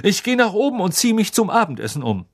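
A pompous, haughty teenage boy who speaks in a stiff, formal way, a little higher than a plain reading voice, as a male reader puts him on. He sounds self-important in this storybook reading. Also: big pitch swings, fast, exaggerated voice.

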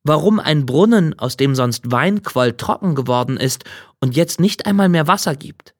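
A man's voice: on the high side, lively intonation, moderate pace, dry recording, studio quality. A man reading a storybook, voicing an earnest young hero who pleads and asks politely.

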